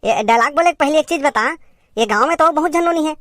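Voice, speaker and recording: A woman's voice: high-pitched, quick pace, dry recording, clean studio sound. A woman with a Chhattisgarhi accent performing a comedy sketch as a bossy teacher who scolds and directs her pupils.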